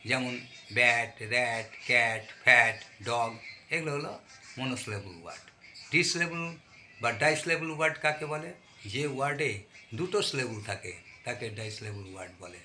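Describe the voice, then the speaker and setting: Man, teacher, grammar lesson, bright voice, spells words letter by letter, asks the class questions, faint background noise. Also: mid-range voice, animated. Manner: spells words letter by letter, slows to stress examples; addresses students directly with questions.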